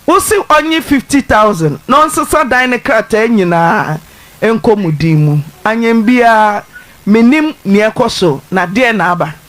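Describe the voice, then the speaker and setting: A man's voice: high-pitched, a little slow, fairly bright tone. A man with a Ghanaian accent hosting a radio talk show, laying out the story steadily. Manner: setting out the story steadily for listeners. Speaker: radio host.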